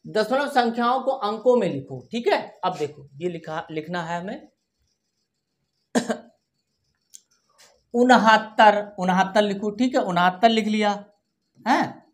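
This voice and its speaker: A woman's voice: medium pitch, lively intonation, measured pace. A woman teaching a primary school maths lesson to children, patiently repeating each number digit by digit and often checking whether they follow. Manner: keeps checking in with "theek hai".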